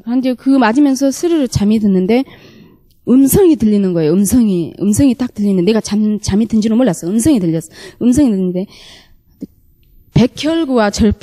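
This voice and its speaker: Female, earnest testimony speaker; rapid, warm low-toned voice; long hall reverb. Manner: earnest, rushing storytelling that re-enacts her own past words. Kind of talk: spoken church testimony.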